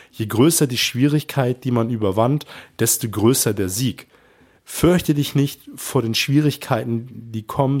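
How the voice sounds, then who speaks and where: A man's voice: mid-range voice, darkish tone. A man in his thirties with a stuffy nose from a cold, hosting a motivational sales podcast and encouraging the listener directly. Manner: earnest, encouraging, direct address. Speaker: podcast host, sales coach.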